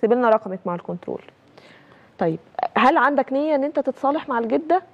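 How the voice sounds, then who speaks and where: A woman with an Egyptian Arabic accent hosting a live call-in talk show, pressing callers with quick, probing questions. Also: high voice, lively intonation, lo-fi sound, a little hiss or hum.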